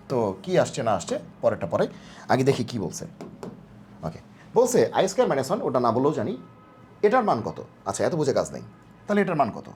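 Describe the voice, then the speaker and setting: A math tutor gives a casual exam-prep lecture, asking and answering their own quick questions in a coaxing tone. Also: medium pitch, darkish tone, slight background noise. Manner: casual, coaxing teacher talk.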